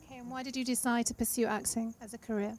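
High, fast-talking woman interviewer. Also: level tone, a little mellow. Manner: upbeat, encouraging, quick follow-up questions. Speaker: event interviewer. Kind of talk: red-carpet style interview questions. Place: outdoor charity event.

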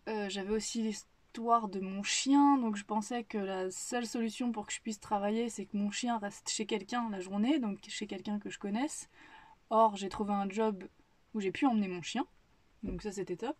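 A young vlogger from the Paris region chats casually to the camera in her home kitchen, thinking out loud and often restarting. Her mid-range voice is steady and darkish, at a normal pace, with no echo.

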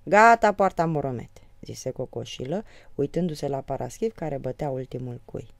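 A woman reading a novel aloud in a lively, expressive way, shifting her voice for the characters. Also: low-pitched, creaky, no room sound. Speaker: audiobook reader.

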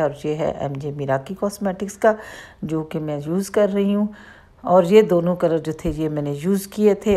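A woman's voice: fairly low pitch, mellow. Chatty Pakistani woman teaching makeup. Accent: Pakistani Urdu. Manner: chatty, explains each step as she goes. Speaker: makeup artist. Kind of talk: tutorial voice-over.

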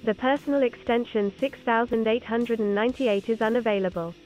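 A woman's recorded voicemail greeting, heard over a phone line as a flat automated system prompt. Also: fairly high pitch, brisk, over music.

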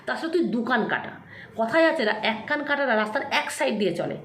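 A woman's voice: sits high, lively intonation, fast talker, fairly bright tone, slight background noise. Scolding woman in an echoey room. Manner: scolding, taunting, repetitive. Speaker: vlogger. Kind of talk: angry direct-to-camera rant.

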